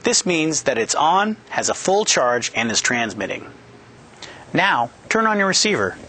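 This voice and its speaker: A little slow but full of big pitch swings, a man in his thirties speaks in a fairly high, bright, forceful voice. He's a product manager delivering a scripted, upbeat training presentation on a yellow-backdrop studio set through a headset boom mic. Upbeat and jokey, he spells out the steps clearly.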